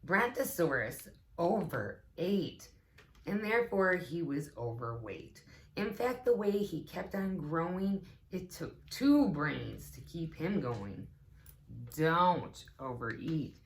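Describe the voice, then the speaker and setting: Reading to young kids during story time, a teaching assistant with a low voice takes her time over a picture book. She phrases things deliberately and expressively, pausing for the occasional aside.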